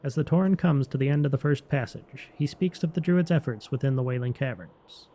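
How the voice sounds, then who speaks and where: A man's voice: mid-range voice, brisk, mellow. A man narrating scripted fantasy game lore as a storyteller.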